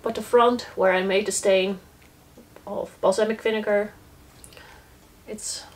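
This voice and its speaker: Her mid-range voice keeps a fairly even intonation and a measured pace as she tests laundry on camera. She's a young eco-living vlogger seated on the floor of a small indoor laundry corner, chatting casually and matter-of-factly, thinking aloud over every item she checks.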